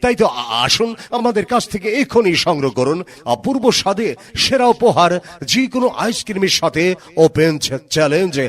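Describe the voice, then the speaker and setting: A man's voice: high-pitched, animated, fairly quick, fairly bright tone. A man with a Bangladeshi accent reading a scripted promotional ad in a chanting, repetitive salesman's patter. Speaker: advertisement announcer.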